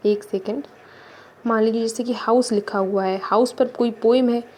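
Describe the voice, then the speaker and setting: A woman's voice: fairly high pitch, fairly even intonation, normal speed, dark tone. A woman teaching an exam-prep lecture, speaking with an Indian accent. She repeats key points and keeps checking in with her listeners.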